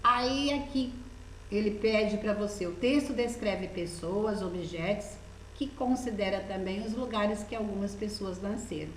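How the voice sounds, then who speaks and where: A woman's voice: medium pitch, measured pace, reverberant, slight background noise, poor audio. A Brazilian woman teaching primary school children in a recorded lesson, patiently coaxing them with many questions as she walks through a workbook. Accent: Brazilian Portuguese.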